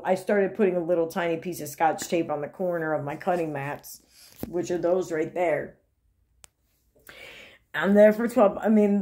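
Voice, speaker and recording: Chatty woman vlogging crafts. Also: on the low side. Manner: chatty, self-deprecating, rambling with many restarts. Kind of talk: casual talk to camera.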